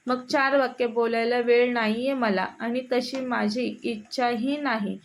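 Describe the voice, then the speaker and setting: A woman's voice: on the high side, steady tone, unhurried, slight background noise. A woman reading as a defiant young wife. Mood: irritated. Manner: sharp, defiant. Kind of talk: storybook reading.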